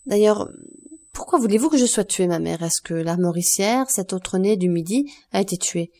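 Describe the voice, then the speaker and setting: Woman reading young man, earnest, devoted son, persuasive, mellow voice, audiobook. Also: mid-range voice, lively intonation, moderate pace, natural voice. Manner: earnest, persuasive, forced cheer.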